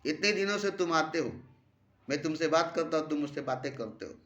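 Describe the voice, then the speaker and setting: A man voicing God as a wounded, angry deity who rises to loud, aggrieved outbursts, in a roomy recording. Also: a little high, a little fast, highs cut off, lightly acted. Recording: roomy echo.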